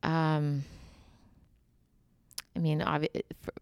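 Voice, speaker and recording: A woman with a low, gravelly voice speaks as an interview guest. She tells her stories in an animated way and laughs often. Her voice is close and dry, with a smooth, resonant tone. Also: extremely slow, no room sound. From Canada. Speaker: guest, Olympic curler. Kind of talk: casual interview conversation.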